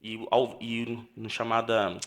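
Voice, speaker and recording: A young man with a Brazilian Portuguese accent speaks earnestly about his own story, often stopping and starting over mid-phrase. His voice is bright and forward, sitting at an ordinary middle pitch for a man, recorded close on a podcast mic. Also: level tone. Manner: earnest, halting with repeated restarts. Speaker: seminarian guest. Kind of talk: emotional personal testimony.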